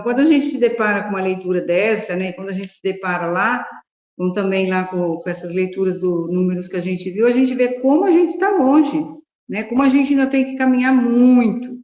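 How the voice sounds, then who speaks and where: A woman, a catechist, tells a personal story in a group Bible study, talking conversationally and often adding "né?" as she goes. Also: medium pitch. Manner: conversational, frequent tag "né?", retells dialogue. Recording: echoey room.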